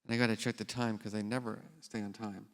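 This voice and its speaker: A man and scientist giving a keynote on a large theater stage, telling stories in an animated, casual way. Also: on the low side, quick pace. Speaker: keynote speaker. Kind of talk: conference keynote with storytelling. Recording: long hall reverb in a theater.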